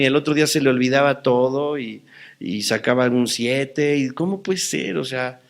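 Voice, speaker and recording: A middle-aged man preaching a sermon to a congregation, passionate, swinging between loud emphatic lines and soft, near-murmured ones. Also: mid-range voice, vocal fry. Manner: acts out quoted voices within the preaching. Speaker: pastor. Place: church hall before a congregation.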